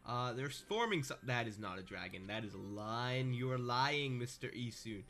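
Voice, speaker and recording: Animated young gamer man, sarcastic. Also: medium pitch, moderate pace. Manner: sarcastic, joking asides, wanders off mid-sentence. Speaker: let's-play gamer. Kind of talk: casual game commentary. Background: faint game music.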